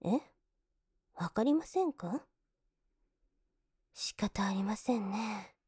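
A young woman playing a cold, scornful maid in an adult audio drama, politely contemptuous and mocking, sometimes dropping into soft whispers to sneer. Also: medium pitch, lively intonation, slow pace, slightly rough, no room sound, clean studio sound, full character voice. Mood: coolly commanding.

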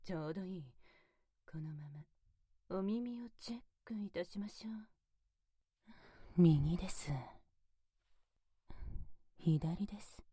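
A woman voicing a devoted, high-ranking demon butler in a whispered ASMR roleplay, speaking with extremely polite, servile formality into a close binaural mic. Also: lively intonation, slow pace, long pauses, mellow, no room sound, full character voice. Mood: teasing. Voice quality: breathy whisper. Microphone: close binaural mic, left and right ears.

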